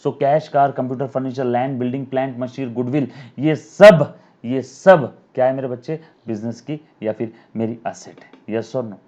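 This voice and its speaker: A man teaching accounting on camera, dictating terms slowly and repeating them so students can write along. His voice is mellow and dark, heard through a slightly dull, lo-fi recording. He keeps checking in with "yes or no?" and calls the students his children. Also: medium pitch, fairly even intonation. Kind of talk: recorded video lecture. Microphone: camera mic.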